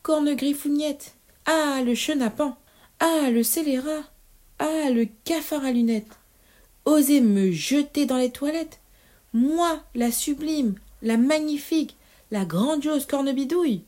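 A woman's voice: sits high, measured pace, mellow, pitched above the performer's own voice. A woman voicing a vain, furious old witch who shrieks and boasts in a children's storybook reading. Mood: boastful.

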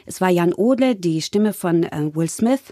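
A Swedish-born voice actress chatting casually in an interview, telling animated anecdotes about her work. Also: lowish voice, moderate pace, dry recording, clean studio sound. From Sweden. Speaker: voice actress guest. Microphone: studio microphone.

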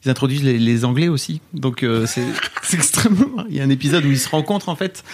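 A man's voice: medium pitch, quick pace, slight background noise. A man co-hosting a casual podcast chat, enthusiastic and full of fillers and restarts. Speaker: podcast co-host.

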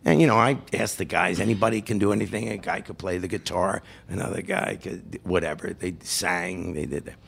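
A man's voice: low voice, fairly quick, gravelly, hardly any pauses, husky. An older man from New York, hosting and telling a long personal story with quoted voices. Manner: animated anecdote with quoted voices. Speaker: host.

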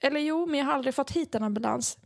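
A young woman chatting casually, telling a story with plenty of laughter and little acted-out exchanges. Her voice sits on the higher side. The recording is dry and close. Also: creaky, no echo. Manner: animated storytelling, acting out quoted dialogue, frequent laughter. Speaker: podcast co-host, songwriter. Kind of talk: casual chat.

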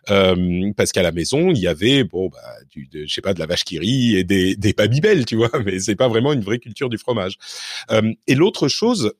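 Low-voiced man musing in a dry recording. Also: no echo. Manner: reflective and digressive, self-correcting. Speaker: interview guest. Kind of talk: relaxed personal interview.

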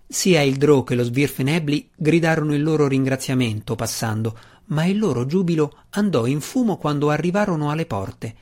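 A man's voice: a little high, expressive, normal speed, few pauses, a little mellow. Man narrating a fantasy novel. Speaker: audiobook narrator.

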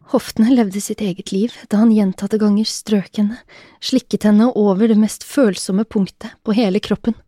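A woman narrating an erotic audio story in a soft, often whispered voice, recorded on a close mic. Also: medium pitch, no echo.

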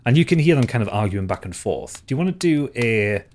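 A man's voice: medium pitch, sing-song, fairly quick, a little mellow, slight background noise. A man narrating as game master of a tabletop game, loose and full of fillers and restarts.

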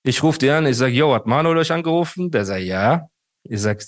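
A man's voice: mid-range voice, fairly quick, no room sound, clean studio sound. A man in a casual interview, telling a long story and acting out the quoted dialogue of others. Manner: animated, acts out quoted dialogue, says "Bruder" often. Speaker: guest telling his story.

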